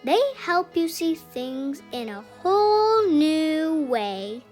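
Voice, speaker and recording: A woman's voice: high voice, very animated, slow pace, darkish tone, faint music behind, exaggerated voice. A woman voicing a friendly, encouraging cool cat in a children's story, speaking emphatically.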